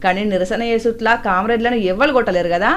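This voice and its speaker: A woman's voice: on the high side, fast talker, very noisy. A woman with a Telangana accent narrating satirical news voice-over with wry, mocking commentary. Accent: Telangana Telugu.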